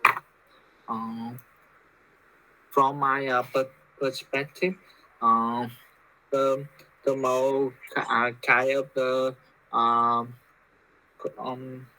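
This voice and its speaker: A male student with a Vietnamese accent giving a halting practice answer full of fillers and restarts. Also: medium pitch, little pitch movement, bright, forceful tone, a little hiss or hum, low-quality recording.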